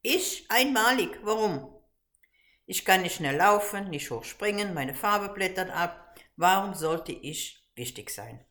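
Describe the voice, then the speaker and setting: A woman's voice: medium pitch, lively intonation, takes it slowly, fairly bright tone, pitched above the performer's own voice. A woman voicing a small, insecure wooden puppet boy in a read-aloud storybook, asking timid, wondering questions. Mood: doubtful.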